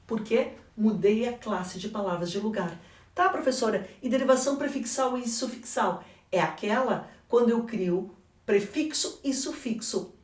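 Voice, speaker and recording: A woman's voice: medium pitch, darkish tone, far from the mic. Brazilian woman teaching in an echoey room. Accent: Brazilian Portuguese. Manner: didactic, asks and answers her own questions. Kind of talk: exam correction lesson.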